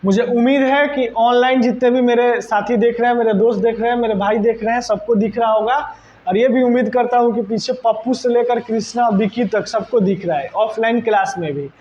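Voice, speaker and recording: A male teacher with a Bihari Hindi accent lectures a live class in a high, bright voice, explaining terms step by step and asking "right?" often. The recording is a bit dull and lo-fi, with a faint hiss behind the voice. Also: steady tone, a little fast. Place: classroom with students present.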